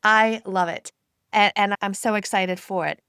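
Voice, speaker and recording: A woman's voice: mid-range voice, steady tone, a little slow, a bit bright, smooth, dry recording, studio quality. A woman hosting a podcast, reading a polished guest introduction and then chatting with enthusiasm. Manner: enthusiastic, effusive. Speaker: podcast host. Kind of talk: scripted intro then casual interview.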